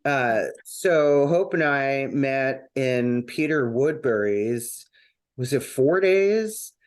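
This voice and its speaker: A man's voice: mid-range voice, animated, slow. A man hosting a podcast in casual conversation, rambling a little with fillers and restarts. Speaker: podcast host.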